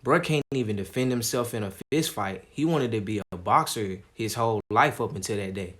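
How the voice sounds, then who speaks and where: A man on a livestream talks in a calm, laid-back way, never raising his voice. His speech is slangy and casual, and his voice sits somewhat low. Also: a little fast. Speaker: streamer.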